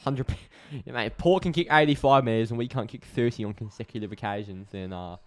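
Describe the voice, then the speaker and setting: An Australian man hosting a live stream, giving excitable play-by-play commentary and chatting casually with his viewers. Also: mid-range voice, a little fast. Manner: excitable play-by-play, chats with viewers, swears when frustrated.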